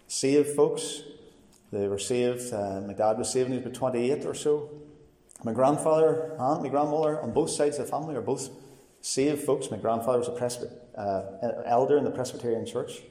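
A man in his forties with a Northern Irish accent, giving a personal testimony in a plain, earnest, halting way. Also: medium pitch, warm tone. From Northern Ireland. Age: 40s. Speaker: testifying church member. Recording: echoey hall with long reverb.

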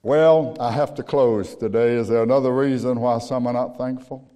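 A man's voice: fairly even intonation, moderate pace, clean tone. Man preaching a sermon in a hall. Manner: swings from loud calls to low quiet asides, acts out quotes. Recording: long hall reverb.

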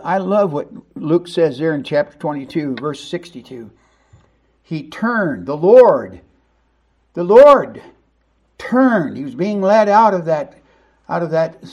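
A man's voice: a little high, a little mellow. A male pastor preaching a sermon in an emphatic, conversational way, stressing words with bursts of volume.

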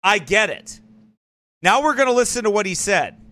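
A man preaching a sermon, talking in an emphatic, folksy way with quick asides to his congregation. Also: high voice, big pitch swings, sharp tone. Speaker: pastor. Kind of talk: sermon commentary.

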